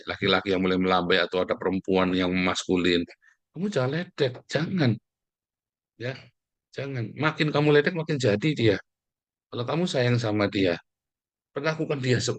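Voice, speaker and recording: A man's voice: fairly low pitch, gravelly, no echo. A man preaching, his delivery emphatic and conversational as he keeps turning to his listeners. The sound is dry and close, with little room around it. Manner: emphatic, addresses listeners as "saudara". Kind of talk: sermon.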